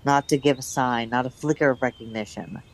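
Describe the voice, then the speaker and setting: In a radio drama, a woman with a rumbling low voice and a fairly quick pace plays a bold, pragmatic young woman who is a secretive lover. She sounds frank and conspiratorial, speaking in endearments and often calling someone darling.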